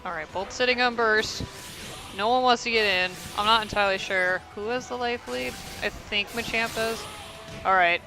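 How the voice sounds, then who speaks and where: Male esports commentator, high bright voice, casual and self-deprecating, faint music behind. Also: moderate pace, rough recording. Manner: rambling, self-deprecating, thinks aloud. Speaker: tournament commentator.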